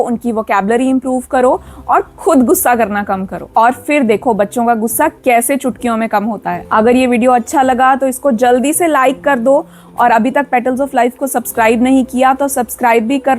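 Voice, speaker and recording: A woman hosting a parenting advice channel, talking earnestly to camera, repeating key points and mixing in English words. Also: on the high side. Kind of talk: direct-to-camera advice talk.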